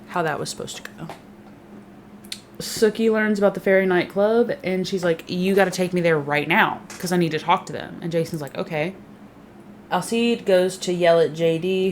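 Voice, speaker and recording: A woman's voice: lowish voice, darkish tone, slight background noise. A young woman casually recapping a TV season, sarcastic and full of swearing, mimicking the characters as she goes. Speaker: recap vlogger.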